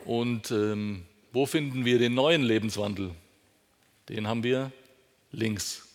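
A man's voice: mid-range voice, takes it slowly. A man preaching a sermon, asking questions and answering them himself, pushing key words up with emphasis. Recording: long hall reverb.

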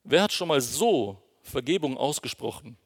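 A man's voice: medium pitch, expressive, moderate pace. A man preaching a sermon, earnest and emphatic, speaking directly to his congregation. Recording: long reverb of a hall.

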